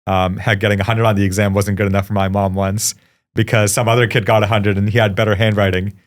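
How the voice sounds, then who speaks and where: Lowish-voiced guy from india, founder on a podcast, thoughtful, lots of ums. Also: flat delivery, fast. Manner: warm, reflective, frequent fillers. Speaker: guest, company founder. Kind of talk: casual podcast interview.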